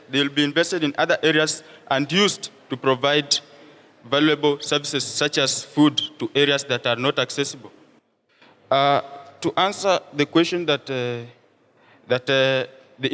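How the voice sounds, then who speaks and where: A man's voice: fairly high pitch, fairly bright tone. A tired Kenyan teenage boy answering debate questions hesitantly, with many fillers and tag questions. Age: late teens. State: tired and hungry. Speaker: student debater. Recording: reverberant school hall.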